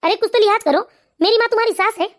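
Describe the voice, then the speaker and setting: An actor doing a cartoon husband with a strikingly high, fast voice, earnest and pleading as he tries to calm his family. He is the steady son caught between his mother and his wife. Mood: puzzled. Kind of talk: animated moral story voice acting.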